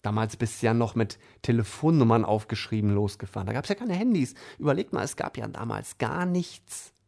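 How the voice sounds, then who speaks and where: A man's voice: mid-range voice, expressive, brisk, gravelly, a little mellow. A man telling a casual personal anecdote in a chatty, colloquial way, with frequent tag questions. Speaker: storyteller.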